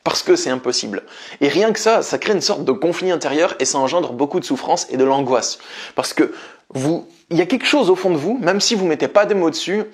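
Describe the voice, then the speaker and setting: A man's voice: a little high, expressive, fairly quick, breathy edge. A man speaking as a life coach, giving earnest, explanatory motivational advice straight to his viewers.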